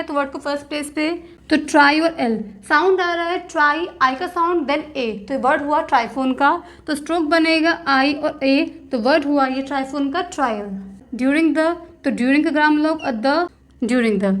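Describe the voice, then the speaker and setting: A woman's voice: high-pitched, a bit bright. A woman teaching shorthand step by step. She spells out each stroke and repeats every word. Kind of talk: step-by-step dictation lesson.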